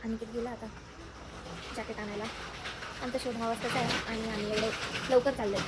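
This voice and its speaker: A woman's voice: on the high side, brisk. A young woman with a Marathi accent, chatting casually and teasing playfully to a phone camera in a couple vlog. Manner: playful teasing, lively exclamations. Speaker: vlogger. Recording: loud crowd and background noise.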